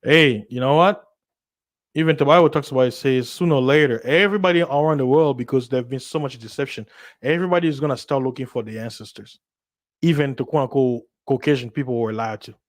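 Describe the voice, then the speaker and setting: This livestream host is a man from Central Africa whose native language is Lingala. His voice sits at a medium pitch and moves at a quick pace. He speaks to his audience in a casual, emphatic monologue packed with repetition, restarts and rhetorical questions.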